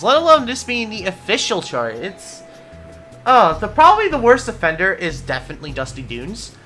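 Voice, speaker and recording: A woman's voice: mid-range voice, sharp tone. A woman giving casual commentary in a gaming vlog, amused and sarcastic, often close to laughing. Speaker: gaming video creator.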